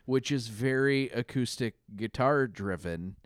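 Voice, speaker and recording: A man's voice: medium pitch, a little slow, dry recording, studio quality. A man co-hosting a podcast, talking in a rambling, hesitant way about music. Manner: rambling, hesitant, lots of fillers and restarts. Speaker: podcast co-host. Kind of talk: casual chat.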